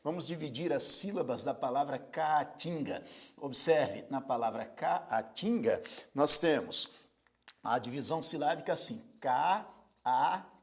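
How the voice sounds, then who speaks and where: A man's voice: mid-range voice, unhurried, a bit bright. A man teaching a grammar lesson, spelling words out syllable by syllable and telling students to observe. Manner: addresses students directly with repeated prompts to observe. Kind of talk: recorded video lesson.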